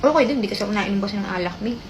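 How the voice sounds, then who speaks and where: A woman rattles through a personal story at a quick clip, chatty and rambling, stopping often on fillers. Her voice sits at an ordinary middle pitch. A faint hiss of room noise sits under her voice. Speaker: caller sharing a relationship story. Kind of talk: casual confessional storytelling.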